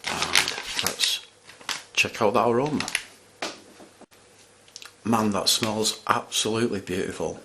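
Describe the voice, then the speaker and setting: A man's voice: on the low side, slow, creaky, pauses often, background noise. A man chatting casually as he reviews candy on camera, rambling and restarting his sentences. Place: at home in front of a camera.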